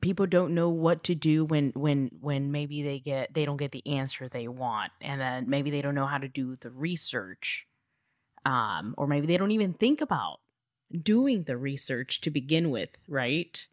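A woman hosting an interview, asking her guest questions in a slow, thoughtful way. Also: deep voice, expressive, no echo, clean studio sound. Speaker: host. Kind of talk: casual interview.

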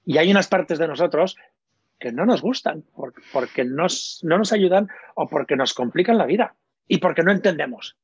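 A man's voice: a little high, lively intonation, normal speed, slightly rough. A man, a coach who explains his methods thoughtfully in an interview and often hesitates mid-sentence. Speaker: coach and trainer. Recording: dull, lo-fi, dry.

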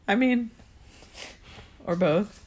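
A woman's voice: mid-range voice, breathy edge, muffled recording. A woman co-hosting a podcast, chatting casually as she watches an episode and laughing often at what she sees. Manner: laughs often, animated reactions. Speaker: podcast co-host. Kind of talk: casual watch-along commentary.

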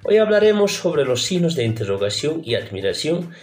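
A man's voice: a little high, big pitch swings, brisk, a little mellow. A male teacher giving a formal lesson who addresses his pupils directly and explains patiently with rhetorical questions. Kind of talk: recorded classroom lesson. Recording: roomy echo, faint music behind.

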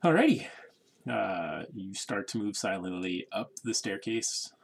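A man narrating as game master in a casual, halting way, with restarts. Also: fairly low pitch, animated, vocal fry, slightly rough.

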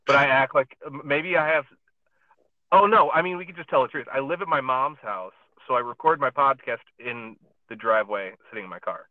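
A man's voice: mid-range voice, fairly quick, dry recording. A man co-hosting a podcast from his parked car, chatting casually and rambling with lots of fillers and restarts. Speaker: podcast co-host. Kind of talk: casual chat. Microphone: phone over a podcast app. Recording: tinny phone-line sound.

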